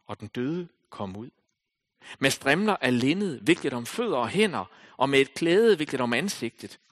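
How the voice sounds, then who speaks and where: A male pastor preaching a sermon, reading scripture aloud and then talking it through, rising to loud calls and sinking to soft, near-whispered lines. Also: medium pitch, sing-song.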